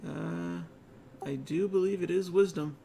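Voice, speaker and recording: A man's voice: high voice, unhurried, vocal fry, mellow, slight background noise. A man running a tabletop game as game master, describing scenes in the second person with the odd laugh.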